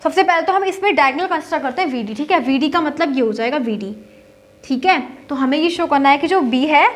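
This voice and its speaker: A woman's voice: high-pitched, animated, brisk. A young woman teaching a maths lesson step by step, mixing with terms, asking and answering her own questions and checking in often.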